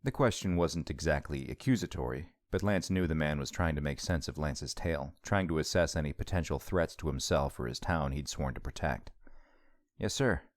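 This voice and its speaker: Man, very deep voice, steady measured audiobook narration, dry close recording. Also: dry recording.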